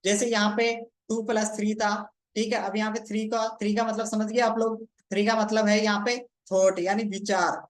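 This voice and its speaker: A man's voice: sits high, little pitch movement. Male coach teaching an online class, repeats points, keeps checking his listeners follow. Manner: repeats phrases, explains slowly step by step. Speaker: motivational coach. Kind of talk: live online training lesson.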